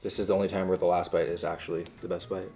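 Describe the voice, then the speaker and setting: A man's voice: low voice, flat delivery, very fast, warm tone, soft background music. Joking young man vlogging. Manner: joking, chatty, explaining diet tips. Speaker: fitness vlogger. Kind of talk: casual vlog chat.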